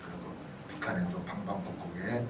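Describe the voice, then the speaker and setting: The speaker is a middle-aged male pastor with a deep voice, speaking at a moderate pace. His talk in a church hall is conversational and sermon-like, punctuated by short questions checking in with listeners. A distant mic in the echoey room gives the recording a noisy sound.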